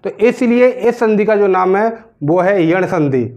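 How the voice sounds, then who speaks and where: High-voiced teacher explaining grammar. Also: male voice, expressive, unhurried, a little mellow, highs cut off. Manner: repeats questions to the class, drags out words while writing. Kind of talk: classroom grammar lesson.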